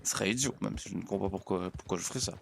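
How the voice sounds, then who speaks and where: A naive, overly polite young frontier pastor, played by a man in a western roleplay who chatters to his horse. His voice sits fairly low with a gravelly fry. He stammers and repeats himself in a fussy, formal way. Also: very fast, noisy background. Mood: chatty. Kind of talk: in-character roleplay.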